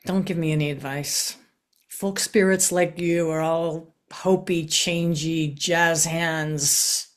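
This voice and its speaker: A woman playing a vicious, cynical lawyer in an improvised comic scene, talking brashly and deadpan over a video call. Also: low voice, slow pace.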